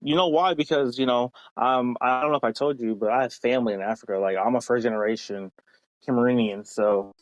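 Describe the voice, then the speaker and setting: Brief: easygoing podcast man, middle pitch, relaxed anecdotes. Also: fairly quick, no room sound, rough recording. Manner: laid-back, relaxed storytelling with fillers. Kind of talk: casual podcast chat.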